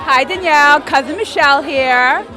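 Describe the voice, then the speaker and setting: A high-pitched woman pours out emotional wedding congratulations, close to tears. Music and a busy crowd sound behind her. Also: moderate pace, sharp tone. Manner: gushing, emotional. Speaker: bride's cousin.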